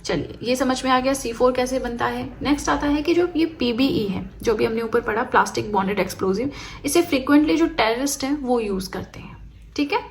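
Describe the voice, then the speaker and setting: A woman's voice: on the high side, a little fast, slight background noise. A woman teaching an exam-prep chemistry lecture, explaining step by step and checking in with her students.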